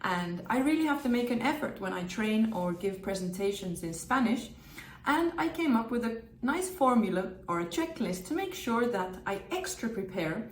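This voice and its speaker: Recorded in an echoey room with slight background noise, a communication trainer from Finland, a native Finnish speaker, presents tips straight to camera. Her voice is on the high side and very animated at a moderate pace, upbeat and full of emphatic repetition.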